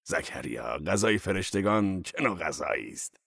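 An actor playing a boisterous, earthy older man in an audiobook drama, gruff and teasing. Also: deep voice, big pitch swings, a bit bright, dry recording, studio quality, heavily acted. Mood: mocking.

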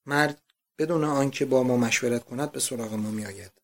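A man's voice: mid-range voice, natural voice. A man voicing a prattling old landlady. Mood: gossipy. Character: chattering older female boarding-house landlady.

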